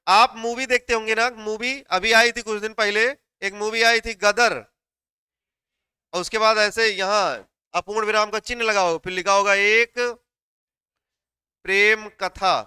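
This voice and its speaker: Male teacher, high and bright voice, very clear and dry close sound, questioning and dictating to students. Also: fairly even intonation, unhurried, no echo. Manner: explains step by step, asks students questions; dictates notes word by word. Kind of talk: live online class.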